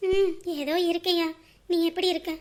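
A woman's voice: very high-pitched, level tone, moderate pace. An actress playing a lonely, tearful village mother who pleads and coaxes tenderly. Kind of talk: Tamil web drama acting.

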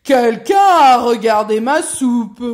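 A woman voicing a big, gruff bear who speaks loudly and sternly. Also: lively intonation, slow. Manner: loud, stern, booming.

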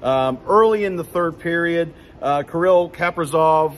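A man in his fifties hosts a relaxed postgame recap in an indoor hockey arena, right beside the rink, stumbling through fillers and restarts. He talks a little slowly in a voice on the high side, and his arm's-length phone camera adds a little hiss or hum.

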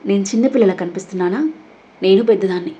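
A woman's voice: mid-range voice, fast talker, dark tone, highs cut off, slight background noise, close to an everyday voice. A woman voicing a tipsy, pouty young woman in love, talking in a cute innocent way.

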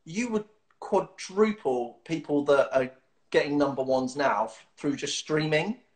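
Heard via webcam on a video call, this man in his thirties is hosting a casual interview from a small room at home. His voice is on the high side and his pace measured, and he's chatty and giggly with frequent fillers and restarts.

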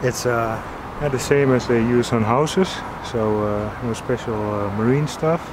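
A man explaining his boat's solar panels in a casual, halting way, with many fillers. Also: medium pitch, noisy background. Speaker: sailing vlogger.

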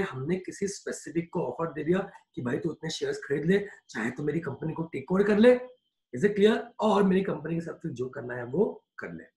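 A male teacher giving a lecture in Hindi mixed with English, slowing down to dictate points and often asking whether it is clear. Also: a little high, warm tone, reverberant. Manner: slows down to dictate points word by word. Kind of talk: classroom lecture.

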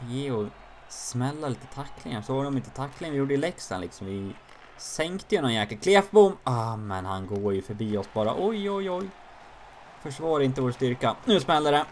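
A man giving casual commentary on his own hockey game, jumping high and loud during the plays. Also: slight background noise. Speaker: gaming YouTuber.

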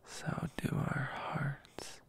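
Very slow whispered role-play, man reading love letter. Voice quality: breathy whisper, creaky. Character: devoted, tender boyfriend reading his love letter. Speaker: ASMR boyfriend role-player.

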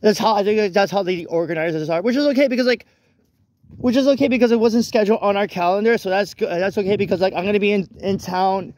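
A young man with a high-pitched voice talks into a handheld phone as he walks along a rainy street at night. He rambles, circling back with restarts and corrections. The sound is dry and close, with no room echo. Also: fast, darkish tone. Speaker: vlogger. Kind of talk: casual walk-and-talk vlog. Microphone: phone camera held while walking.

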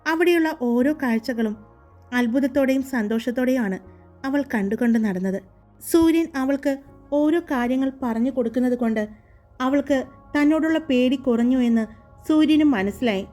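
A woman with a high, mellow voice reads a love story aloud in a calm, even storytelling manner. Soft music plays faintly beneath her narration. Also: moderate pace. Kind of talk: scripted audiobook narration.

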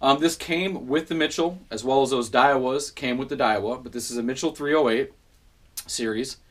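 A man in his thirties talks casually to the camera in a small room at home, picked up by a camera mic a few feet away. His voice sits at an ordinary middle pitch. He walks through his gear in an easygoing way, with plenty of ums and quick self-corrections. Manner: relaxed, many fillers and self-corrections. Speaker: fishing channel host.

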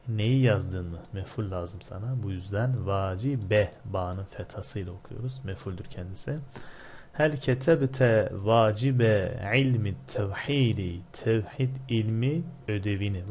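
A man teaching a textbook lesson. He reads phrases slowly, then explains them quickly. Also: fairly low pitch, vocal fry, darkish tone, slight background noise. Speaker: Arabic teacher. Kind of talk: textbook lesson, reading and translating line by line.

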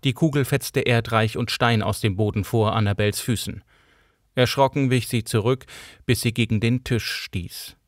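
A man narrating an audiobook in a steady, even storytelling manner, close to the microphone. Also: mid-range voice, normal speed, dry recording.

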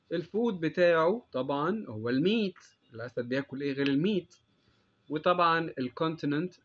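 A man with an Egyptian Arabic accent teaches an English lesson to children, patient and unhurried. He draws out each English word slowly so it can be repeated. His fairly high voice comes through a dull, muffled lo-fi recording. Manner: slow and patient, drawing out English words. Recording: dull lo-fi sound.

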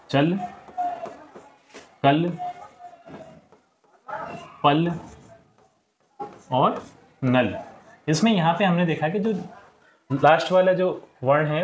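Man, schoolteacher, patient, repeats answers, fairly high voice, faint hiss behind. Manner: patient, repeats answers, frequent "theek hai". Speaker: teacher. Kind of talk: explaining a textbook lesson.

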